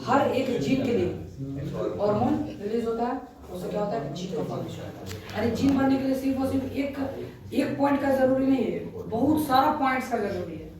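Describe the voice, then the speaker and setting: A man's voice: very high voice, a little fast, a crowd in the background. A young man tutoring a class, mixing English terms into his talk and constantly asking whether the students have understood. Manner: keeps checking if students understood; mixes Hindi with English terms. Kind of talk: classroom lesson. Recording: echoey room, voice from far off.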